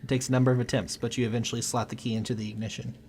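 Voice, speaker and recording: A man hosting a let's play, reading game text aloud with a quick, lightly dramatic delivery. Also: mid-range voice, level tone, a little mellow, a little hiss or hum.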